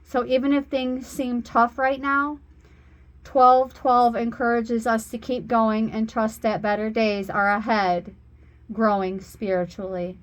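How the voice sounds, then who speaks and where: A woman working as a spiritual reader and healer, giving an oracle card reading in a slow, earnest, reassuring way. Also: on the high side, level tone.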